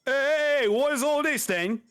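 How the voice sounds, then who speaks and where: A man's voice: very high-pitched, slow, a crowd in the background, voice pushed up. A man putting on a blustering thug. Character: gruff British male thug, bossy and mocking.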